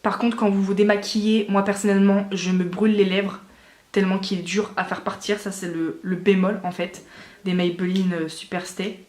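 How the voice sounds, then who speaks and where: A woman's voice: mid-range voice, little pitch movement, moderate pace, a little mellow. A woman in her twenties answering viewer questions in a casual vlog, chatty and hesitant with many fillers. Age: 20s. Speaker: doll collector vlogger. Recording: echoey room.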